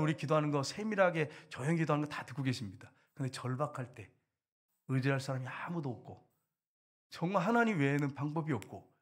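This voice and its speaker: A middle-aged man, a pastor, preaching an animated sermon with sudden loud bursts and hushed asides. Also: medium pitch, husky.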